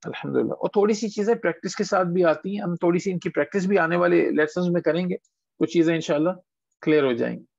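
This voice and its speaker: High gravelly-voiced male tajweed teacher, patient, dull lo-fi call sound. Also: dry recording. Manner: patient, asks students questions, drawn-out model words. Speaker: Quran recitation teacher. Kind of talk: online tajweed class. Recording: dull lo-fi online call audio.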